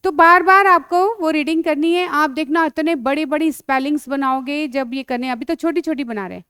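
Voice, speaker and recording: A woman teaching children phonics, sounding out letters slowly and coaxing the pupils along. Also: sits high, a bit bright, dry recording, clean studio sound. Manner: slow, drawn-out sounding of letters; coaxing, calls pupils beta.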